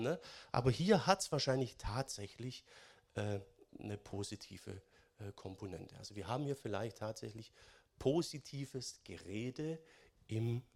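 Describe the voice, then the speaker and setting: A man giving a sermon in German, chatty and conversational, often adding "ne?" and swinging between loud stressed phrases and quiet musing. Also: mid-range voice. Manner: conversational, keeps adding "ne?" tags. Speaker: preacher.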